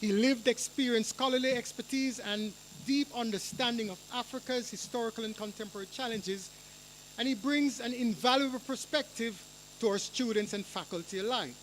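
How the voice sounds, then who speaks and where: High-voiced man giving a speech. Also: a little hiss or hum, low-quality recording. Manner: measured, rhetorical, with dry humor. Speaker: university professor giving a speech. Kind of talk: formal prepared speech. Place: lecture hall or forum room.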